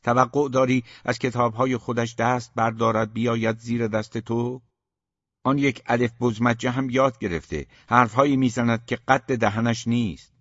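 A man reading an audiobook voices a distraught middle-aged mother, raising his pitch into pleading, indignant lines. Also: fairly even intonation, dry recording, natural voice. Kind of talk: audiobook character voice. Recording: dull, muffled dry recording.

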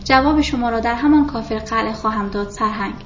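Storybook rebel chief, a proud man, curt and defiant, read by a woman, fairly high voice. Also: a bit bright, a little hiss or hum, lightly acted. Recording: roomy, dull lo-fi recording.

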